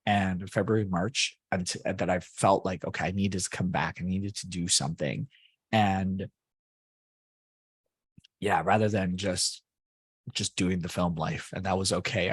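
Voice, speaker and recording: A man's voice: low voice, fairly even intonation, moderate pace, breathy edge, no room sound, clean studio sound. A young man from Canada, chatting as an interview guest in a rambling way with many fillers and restarts. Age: young adult. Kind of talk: casual interview chat.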